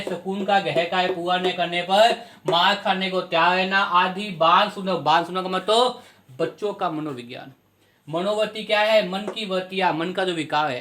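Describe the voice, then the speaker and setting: A man's voice: high voice, sharp tone. A male teacher giving a class lecture, posing questions to his students and answering them himself, repeating points to drive them home. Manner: repetitive, explanatory teaching tone.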